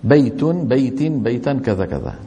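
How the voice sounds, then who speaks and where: A man's voice: mid-range voice, big pitch swings, moderate pace, mellow, highs cut off. A middle-aged man teaching a tajweed lesson, often putting questions to his students and answering them himself. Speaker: Quran recitation teacher.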